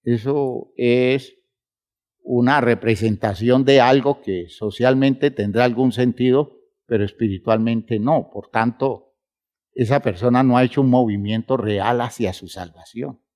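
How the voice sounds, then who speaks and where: Man, preacher, sermon, slow deliberate pace, middle pitch, emphatic, addresses congregation directly. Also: darkish tone.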